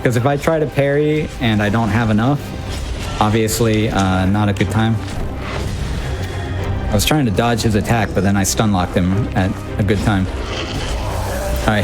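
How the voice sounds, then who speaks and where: A man's voice: medium pitch, normal speed, music in the background. A man giving casual, wry live commentary on his own speedrun, often breaking off his sentences as he thinks aloud. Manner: informal, wry, self-interrupting thinking aloud.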